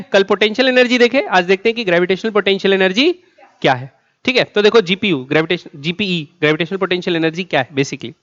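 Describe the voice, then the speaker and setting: A high-pitched, somewhat bright male voice leads a physics lecture, quizzing the students and then responding to his own questions. He elongates words and repeats the key terms for emphasis. The sound quality is flat and lo-fi.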